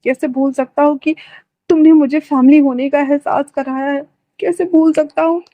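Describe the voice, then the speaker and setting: A woman's voice: high voice, steady tone, moderate pace, no room sound, narrow, tinny audio, natural voice. A woman voicing a devoted, remorseful young man who speaks earnestly in an emotional storybook reading. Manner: earnest, heartfelt.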